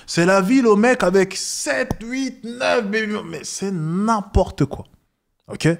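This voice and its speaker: A man giving scornful reaction commentary, lecturing and mocking the people in the clip. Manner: mocks others with high squeaky voices.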